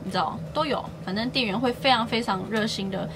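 A young beauty and shopping vlogger with a slightly high voice chats quickly and cheerfully while showing off her purchases in a casual haul video. She's upbeat, often doubles words for emphasis, and there's noise in the background.

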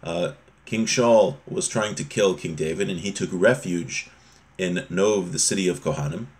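A man around his thirties or forties gives an informal religious lesson indoors in a small home room, reading and explaining and frequently rephrasing his points. His voice is low-pitched, at normal speed.

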